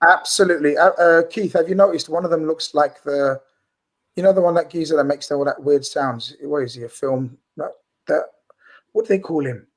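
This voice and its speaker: Male watchalong host, notably high pitch, husky tone, informal football banter. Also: normal speed. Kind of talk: casual live football commentary. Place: in a house.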